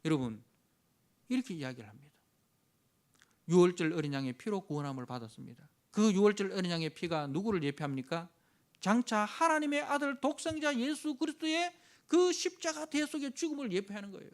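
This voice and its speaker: A man's voice: sits high, big pitch swings, fairly quick. A male pastor delivering a sermon. He is emphatic, dramatically voices the complainers he preaches about, and keeps dropping short affirming interjections between phrases. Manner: punctuates phrases with frequent affirming "yes" interjections.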